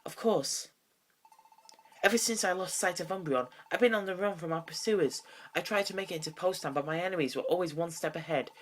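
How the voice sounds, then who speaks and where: A man's voice: sits high, fairly quick, a bit bright, slight background noise, pitched above the performer's own voice. A man doing a remorseful female scholar creature. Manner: earnest storytelling, hesitant.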